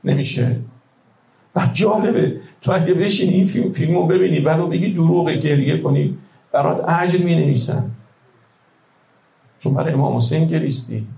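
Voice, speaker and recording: A man preaching a religious sermon, impassioned and rhetorical, swinging between hushed lines and loud outbursts. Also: on the high side, gravelly, pauses often, reverberant, low-quality recording.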